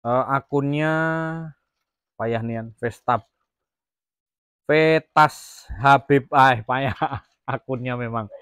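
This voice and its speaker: A man's voice: medium pitch, steady tone, slow pace, long pauses, fairly bright tone, smooth, no room sound, clean studio sound. A man from Jambi, Indonesia, running a casual farm vlog about raising quail, rambling with many fillers and restarts. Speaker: quail farmer vlogger. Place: quail farm, near the cages.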